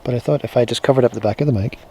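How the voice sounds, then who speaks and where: A man giving a casual, hesitant product demonstration, thinking aloud as he reviews gear. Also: very fast. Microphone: small on-camera shotgun microphone via recorder into camera. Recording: noisy on-camera mic, low rumble.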